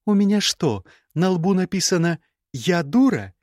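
List: man doing a sarcastic young female mage, high pitch, lively swooping delivery, mocking, dry recording. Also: measured pace, dry recording. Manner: cutting, mocking, icy sarcasm. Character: sharp-tongued sarcastic young woman mage. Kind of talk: audiobook character voice.

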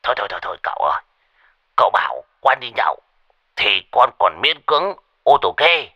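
A man's voice: medium pitch, big pitch swings, brisk, bright, forceful tone, no echo, dull audio. Man doing a cheeky cowardly old villager. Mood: teasing refusal.

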